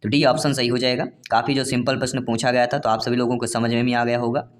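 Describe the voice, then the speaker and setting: A man's voice: medium pitch, little pitch movement. Man teaching an exam-prep lesson. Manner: reads questions slowly then explains in plain terms; addresses viewers warmly as dear friends and fellow teachers.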